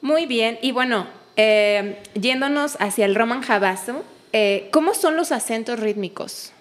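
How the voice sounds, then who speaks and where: A woman, hosting a casual interview and asking questions with small filler pauses. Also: a little high. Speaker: host.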